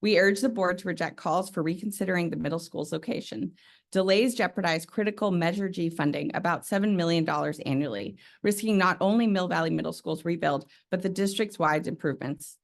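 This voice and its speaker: Woman, parent reading a statement, low voice, gravelly, brisk. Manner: reads a prepared statement briskly. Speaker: parent speaking for a group. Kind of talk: read public comment at a board meeting.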